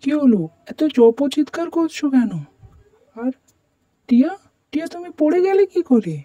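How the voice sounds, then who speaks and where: Woman gently lecturing as a mother doll. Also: high-pitched, lively intonation, normal speed, dry recording. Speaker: storyteller voicing the mother doll. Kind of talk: doll role-play storytelling. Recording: dull, dry lo-fi recording.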